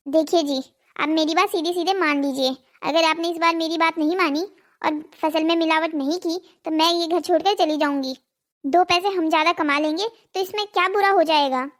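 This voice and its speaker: A woman's voice: extremely high pitch, fairly even intonation, moderate pace. A woman voicing a greedy, nagging village wife in a cartoon drama, scolding and pleading. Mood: complaining.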